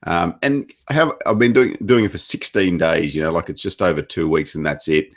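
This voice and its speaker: A man with an Australian accent, a table tennis coach chatting casually on a regular show, animated and jumping up in pitch when he talks. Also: moderate pace. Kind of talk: casual chat.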